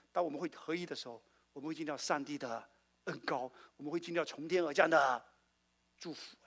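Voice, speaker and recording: A male pastor preaching a sermon, asking his congregation questions and swinging between loud exclamations and quiet asides. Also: fairly high pitch, husky. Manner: call-and-response preaching, asks the congregation questions.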